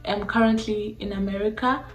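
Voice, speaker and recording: In a question-and-answer vlog, a YouTuber, a young South African adult whose first language blends Xhosa and Zulu, chats informally with viewers about personal topics, using "like" all the time. She speaks briskly in a mid-range voice with fairly even intonation, recorded in an echoey room with faint music.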